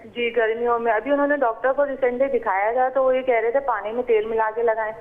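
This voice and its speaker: A woman's voice: on the high side, steady tone, quick pace. Lady caller rambling over a tinny phone line. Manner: rambling, repeats "ji". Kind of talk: phone call to a TV show.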